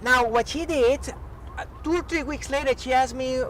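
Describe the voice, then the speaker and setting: Speaking at a moderate pace in an extremely high, fairly bright voice, a Colombian professor and climate change expert explains things earnestly and animatedly as an interview guest. Spanish is his native language, and he has a Colombian accent. He's recorded outdoors on a distant mic, with clear traffic noise.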